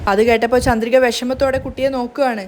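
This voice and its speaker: A woman's voice: on the high side, fairly even intonation, fast talker, darkish tone, a little hiss or hum. A woman retelling the scenes of a television serial, reading the characters' lines in her own voice. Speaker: serial recap narrator. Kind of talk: storytelling recap of a TV serial.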